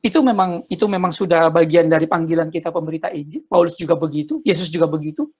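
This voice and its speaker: A man with a husky, somewhat high voice answers questions quickly on a video call, sounding earnest and sermon-like. He repeats himself and drops in English phrases, and the call audio is dull and lo-fi.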